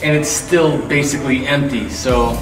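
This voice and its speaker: A young man vlogging in an excited, informal way, his voice echoing hard around a large empty room. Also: mid-range voice, moderate pace, far from the mic. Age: young adult. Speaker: vlogger, automotive lighting shop owner. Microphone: camera a few feet away. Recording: very echoey empty room, music behind.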